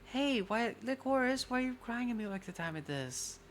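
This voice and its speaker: A man's voice: extremely high pitch, animated, moderate pace, fairly bright tone, a little hiss or hum, voice pushed up. A man voicing a playful, teasing young woman spirit in a sing-song manner. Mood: pouting.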